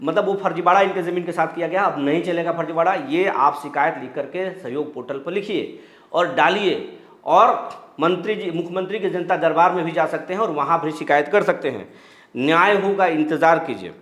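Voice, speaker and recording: A man's voice: fairly high pitch, fairly quick, fairly bright tone. A male news channel host explaining a topic and reading viewer comments aloud in a reassuring, explanatory way. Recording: roomy echo.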